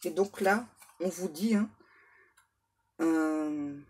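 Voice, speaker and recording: A woman giving a spoken card reading as a medium, repeating herself with many fillers and clearing her throat often. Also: fairly low pitch, normal speed, a little mellow. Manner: repetitive, filler-heavy, insistent. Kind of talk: spoken tarot guidance to viewers.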